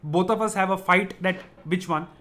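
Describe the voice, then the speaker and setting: Raised in Gujarat in a Tamil-speaking family, this middle-aged native Tamil speaker has an Indian English accent and hosts a live online quiz class. His high-pitched voice is pushed and bright, at normal speed, and the sound is reverberant. He restates every question, explains terms with patience, and laughs readily while responding to students.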